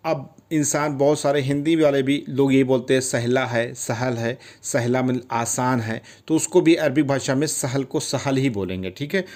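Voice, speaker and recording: A man's voice: medium pitch, fairly even intonation, normal speed, few pauses, a little mellow. A man teaching Arabic vocabulary in Hindi, patiently explaining each word and repeating it with frequent check-ins. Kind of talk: vocabulary lesson.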